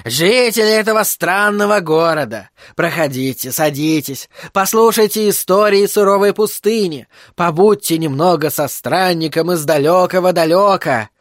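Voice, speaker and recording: A man voicing a crippled male showman who pleads quietly and then barks loudly at a crowd in an audiobook. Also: high voice, normal speed, hardly any pauses, no room sound, clean studio sound, pitched above the performer's own voice, close to an everyday voice. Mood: theatrical. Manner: loud, showy barker's patter.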